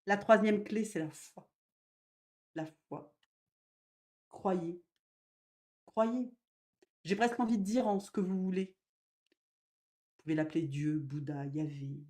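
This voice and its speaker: A woman medium giving a spiritual live talk, gentle and slow, with sudden loud emphasis and soft drops. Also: on the low side.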